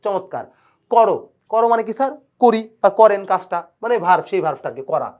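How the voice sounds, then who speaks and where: Man, teacher, rapid delivery, keeps checking students follow, keen on word origins. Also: high voice, lively intonation, a little mellow. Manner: fast, checks in constantly with "clear, sir?"; enthusiastic about word origins. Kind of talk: recorded exam-prep lecture.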